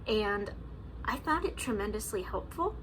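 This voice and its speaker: A chatty woman in her twenties, a vlogger, talks casually to the camera at home with a medium-pitched, animated voice. She speaks at a measured pace, peppering her talk with "like" and "um" and laughing often, over a noisy background.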